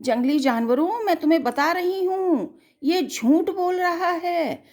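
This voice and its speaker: A woman voicing an urgent female character who warns jungle animals in a rapid, insistent way, told as a children's story. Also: very high voice, lively intonation, darkish tone, pitched above the performer's own voice, heavily acted. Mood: alarmed.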